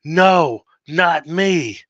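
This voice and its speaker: A man voicing a desperate, terrified farmer, pleading in strained shouts, on a dull lo-fi recording. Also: a little high, lively intonation, very slow, no echo, voice pushed up, exaggerated voice.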